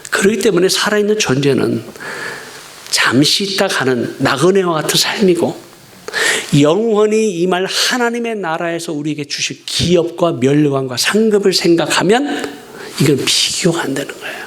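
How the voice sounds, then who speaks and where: A middle-aged man delivers a sermon in a fairly high voice. He preaches earnestly, pleads at times and drives points home by repeating lines. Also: animated, normal speed, a bit bright. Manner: earnest preaching that swings from pleading to emphatic repetition. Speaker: missionary preacher.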